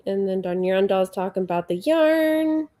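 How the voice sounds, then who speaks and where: Her medium-pitched voice is mellow and expressive, at an ordinary speed. A livestream host in her forties, she sounds congested and keeps sniffling while she reads viewer comments at home, talking in a rambling, chatty way peppered with fillers.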